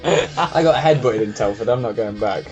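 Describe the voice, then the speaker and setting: A man's voice: mid-range voice, moderate pace, soft background music. An English man co-hosting a casual podcast chat, rambling through stories with a joking manner and frequent laughter. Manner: jokey, laughs often, rambling storytelling. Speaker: podcast co-host.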